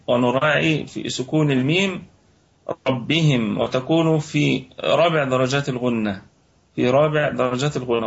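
A man from Egypt teaching Quran recitation rules, explaining slowly and repeating words to show how they are pronounced. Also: mid-range voice, vocal fry. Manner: measured, repeats words to demonstrate pronunciation. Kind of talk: tajweed lesson, slow explanation. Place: online voice chat room. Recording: lo-fi online voice chat audio.

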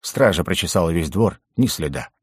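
A man voicing a terse, sour male soldier who reports flatly, in a dry, close recording. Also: deep voice, moderate pace, slightly rough, no echo.

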